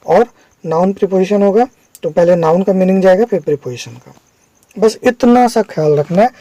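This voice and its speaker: A man's voice: sits high, mellow, no room sound, rough recording. A man teaching English, patiently explaining each step and asking the listener if they follow. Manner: patient, checks understanding with questions. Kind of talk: explaining a lesson.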